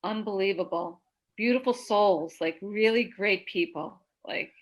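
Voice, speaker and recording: A woman's voice: medium pitch, measured pace, highs cut off. A woman with a Brooklyn accent chatting casually and asking questions on a video call. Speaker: audience member asking questions.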